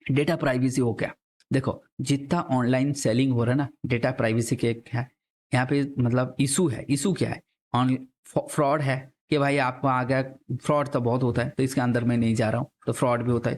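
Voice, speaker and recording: A young man leads an exam-prep lecture in a casual, talkative way, speaking at an ordinary middle pitch. He often drops English terms into his explanations and keeps checking in with his students through rhetorical questions. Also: a little mellow. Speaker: exam coaching teacher. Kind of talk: classroom lecture.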